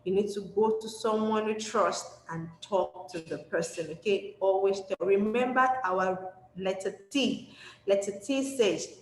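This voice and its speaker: A woman teaching young children in a lively, encouraging way, speaking at a middling pitch. The recording has an echoey room with a faint background hum. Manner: animated, encouraging, repeats with "okay?". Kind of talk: children's safety webinar.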